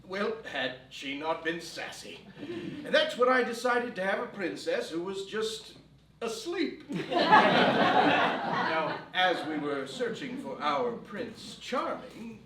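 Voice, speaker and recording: A man's voice: sits high, sing-song, slow pace, heavy background noise, full character voice. An actor playing a fussy male film studio boss in a live stage sketch comedy, theatrical and stammering when flustered. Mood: reminiscing. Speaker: studio head narrating the story of his film. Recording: distant stage mic, echoey hall, loud audience laughter.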